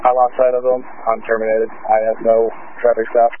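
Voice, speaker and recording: A man's voice: mid-range voice, monotone, fairly quick. A man's voice crackles through a police radio, narrow and tinny like a handheld channel with a faint hiss of static. He keeps his calls short and matter-of-fact, the way an officer in the field reports in. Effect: police radio transmission.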